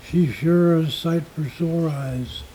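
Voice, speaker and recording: A man's voice: a little high, slow pace, warm tone, breathy edge, low-quality recording. A man doing a proud old-time storekeeper. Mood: pleased. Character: proud male storekeeper, pleased.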